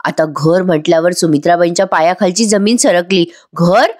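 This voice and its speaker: A woman's voice: fairly low pitch, steady tone, normal speed. A woman giving a chatty voice-over recap of a TV serial, talking directly to viewers. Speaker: TV serial reviewer.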